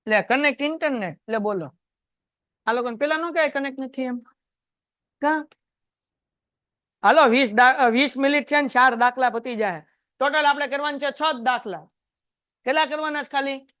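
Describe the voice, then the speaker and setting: High-voiced male teacher. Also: moderate pace, pauses often, pushed and bright, no echo, studio quality. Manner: chatty, quizzes students and tells anecdotes. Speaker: math teacher. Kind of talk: classroom lecture. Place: classroom with students.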